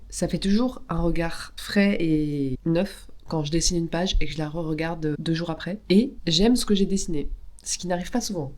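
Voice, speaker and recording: A young woman narrating her daily vlog in a relaxed, mellow voice that sits a little low. She chats in a confiding way, stopping often to hesitate and pick her words. She is fighting off allergies. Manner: chatty and confiding, with frequent hesitations. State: suffering from allergies. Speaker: vlogger and aspiring comic artist. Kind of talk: casual vlog voice-over.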